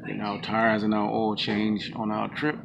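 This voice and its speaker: A man's voice: lowish voice, completely flat delivery, normal speed, lo-fi sound. A middle-aged man chatting casually and upbeat for a travel vlog, filmed on a handheld camera at arm's length at a campground and in a shop. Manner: easygoing, upbeat, plain-spoken. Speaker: vlogger on a motorcycle road trip. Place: campground outdoors and a motorcycle shop. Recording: clear outdoor background noise.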